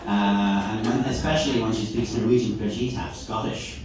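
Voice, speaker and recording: Captured by a distant camera, the sound is echoey and noisy as an Irish comedian works a live crowd and chuckles at his own material. He speaks in a fairly low register at a fairly quick clip.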